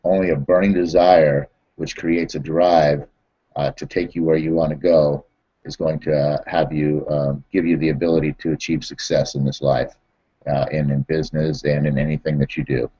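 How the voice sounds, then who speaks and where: A man who trains network marketers, telling stories and recapping a lesson in a halting way full of fillers and repeated words. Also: a bass voice, little pitch movement, mellow, husky, highs cut off. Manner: repetitive, halting, many fillers and restarts. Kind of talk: storytelling and motivational training recap.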